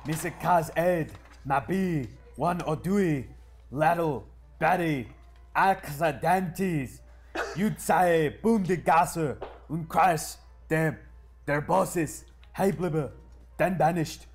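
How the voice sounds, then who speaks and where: Man acting out panicky clumsy alien comic sidekick, high voice, slow halting pidgin speech. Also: slightly rough, faint music behind, exaggerated voice. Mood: rambling. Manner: halting, drawn-out broken grammar. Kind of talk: comic script table read.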